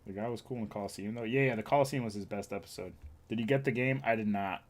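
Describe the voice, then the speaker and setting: A man's voice: on the low side, fast. Joking young man streaming from home. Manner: joking, teasing, reads chat aloud. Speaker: livestreamer. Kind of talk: casual live-stream chat.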